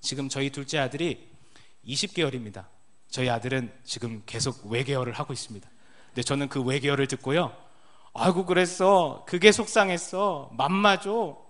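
Male pastor preaching in story style. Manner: storytelling, dropping low and quiet at line ends. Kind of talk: sermon.

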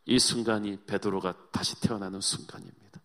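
Male pastor, low voice, dramatic sermon, hushed then emphatic. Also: fairly even intonation, fairly quick. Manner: dramatic storytelling, swinging between hushed and emphatic.

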